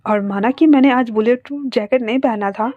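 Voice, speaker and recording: A woman voicing a young male police officer who speaks in a lowered, hushed and teasing way. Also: fairly quick, no echo, lightly acted. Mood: soothing. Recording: dry, dull lo-fi sound.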